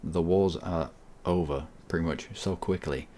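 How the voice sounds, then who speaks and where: A man's voice: sits low, unhurried, dark tone, slight background noise. A man thinking aloud as he plays a strategy game, with wry asides, at a desk microphone. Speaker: gaming channel host.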